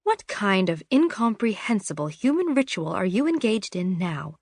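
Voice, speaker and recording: A woman's voice: medium pitch, expressive, a little slow, no room sound, studio quality. A woman voicing a haughty, disdainful cat-like spirit in an audiobook, speaking with irritation and superiority. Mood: haughty, irritated.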